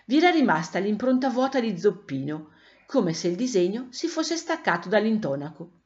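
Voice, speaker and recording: Animated woman reading a storybook. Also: mid-range voice, normal speed. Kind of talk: storybook read-aloud narration. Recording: dull lo-fi recording.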